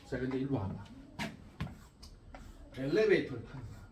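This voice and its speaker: Cram-school teacher, male, lively rising voice, blunt and crude, heard from across an echoey classroom. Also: medium pitch, moderate pace, recorded from a distance, slight background noise. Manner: blunt, scolding, coarse and emphatic, constantly checking with students. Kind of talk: classroom lecture.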